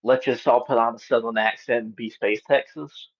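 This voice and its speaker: A man's voice: medium pitch, steady tone, normal speed. A man playing a tabletop game, chatting hesitantly and laughing often. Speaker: player. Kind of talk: casual planning chat for a tabletop game. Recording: dull, lo-fi voice-call audio.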